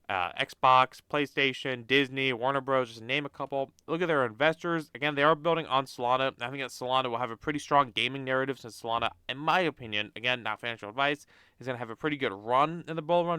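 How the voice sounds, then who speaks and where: A young crypto channel host with a stuffy nose from a cold casually walks through a website on screen-share, rambling with many fillers and restarts. His medium-pitched voice is bright and forceful, with a clean tone and clean studio sound free of room noise.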